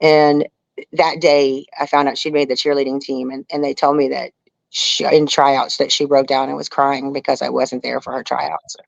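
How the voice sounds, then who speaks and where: A reality TV survival contestant, appearing as an interview guest, tells stories in a chatty, animated way, frequently tossing in "you know." Her very deep voice has vocal fry and a moderate pace. The audio is poor, though without echo.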